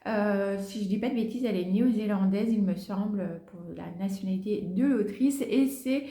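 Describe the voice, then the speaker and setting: A woman's voice: medium pitch, normal speed, dark tone. A woman vlogging about books she wants to read, chatting casually, with many fillers and little asides as she holds books up to the camera. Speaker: book vlogger. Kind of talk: casual book haul chat. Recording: echoey room.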